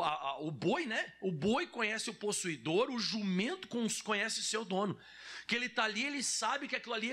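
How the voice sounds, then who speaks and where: A man's voice: high voice, sharp tone. A man with a Brazilian Portuguese accent, a pastor preaching a sermon. He reads scripture, explains it and puts questions to the congregation.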